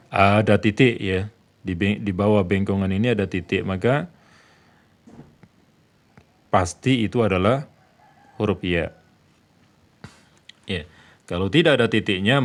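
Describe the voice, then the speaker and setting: A man teaching a tajwid lesson, patiently repeating each point and posing and answering his own questions. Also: on the low side. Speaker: Quran recitation teacher.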